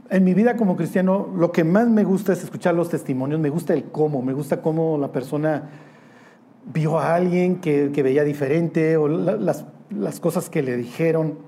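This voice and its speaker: A man's voice: on the high side, dark tone. A man preaching a casual sermon to young people, conversational and teasing, with slang.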